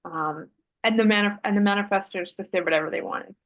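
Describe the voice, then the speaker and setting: A woman guest in a relaxed interview, telling a story in a thoughtful, meandering way, with fillers and self-corrections. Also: medium pitch, fairly quick, highs cut off. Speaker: interview guest, artist and Human Design author.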